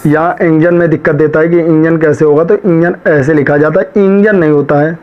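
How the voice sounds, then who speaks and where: A man's voice: a little high, fairly even intonation, moderate pace. A man teaching a spelling lesson, drilling words one after another, right and wrong, with much repetition. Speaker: shorthand teacher. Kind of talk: spoken lesson. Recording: dull lo-fi sound.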